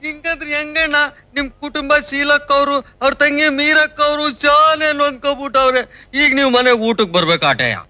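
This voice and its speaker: Simple rustic village helper, very high voice, sharp and bright tone, earnest and pleading, film comedy. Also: male voice, fairly quick, full character voice. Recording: film soundtrack with faint music.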